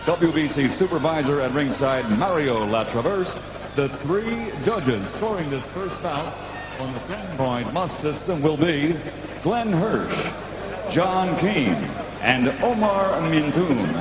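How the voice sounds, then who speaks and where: Echoey, high-pitched theatrical male boxing ring announcer. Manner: booming, dramatic build-up like a lucha libre announcer. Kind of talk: formal ring introductions, drawn-out theatrical announcing. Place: large indoor boxing arena. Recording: echoey arena PA, loud noise.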